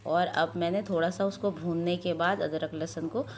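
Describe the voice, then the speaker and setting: A woman in her thirties with a hoarse voice from a sore throat, narrating a casual cooking and daily-life vlog from her home kitchen in a chatty, rambling way. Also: lowish voice, fairly even intonation, normal speed, darkish tone, slight background noise. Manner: chatty, rambling, frequent filler "ना". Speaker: vlogger and mother.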